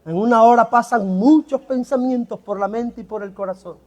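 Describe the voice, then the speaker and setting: A man preaching who voices a patient, wise father gently answering his son's questions in a story. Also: very high-pitched, moderate pace. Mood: gentle, patient.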